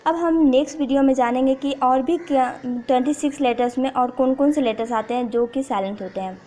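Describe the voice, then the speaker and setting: भारतीय लहजे वाली एक महिला शिक्षिका, जो धैर्य से नियम दोहराते हुए पाठ समझाती है और अंग्रेज़ी वाक्य धीरे-धीरे पढ़ती है।. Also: female voice, high-pitched, mellow. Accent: Indian. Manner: repeats rules patiently, reads English lines slowly. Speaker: English teacher. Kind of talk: slow explanatory lesson.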